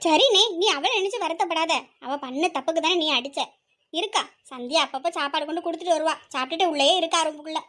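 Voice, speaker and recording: A woman voicing a stern, scheming middle-aged aunt with a sharp, scolding way of talking. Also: extremely high pitch, fast talker. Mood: calm, wary. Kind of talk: hobby audio drama.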